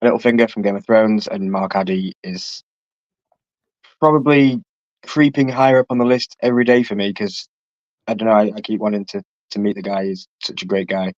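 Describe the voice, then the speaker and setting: A man's voice: on the low side, steady tone, a little fast, no echo. A man chatting casually as a panellist on a livestreamed show. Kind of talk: casual chat. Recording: dull lo-fi microphone.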